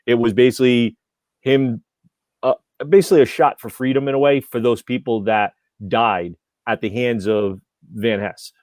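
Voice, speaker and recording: A man's voice: mid-range voice, steady tone, normal speed, darkish tone, no echo. A man on a casual podcast panel, talking with rambling enthusiasm and filling his sentences with like and you know.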